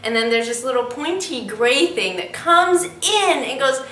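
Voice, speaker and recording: A woman in an interview, talking in a lively, teasing way and laughing often. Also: on the high side, moderate pace, recorded from a distance. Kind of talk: casual interview. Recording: echoey room, a little off-mic, faint noise.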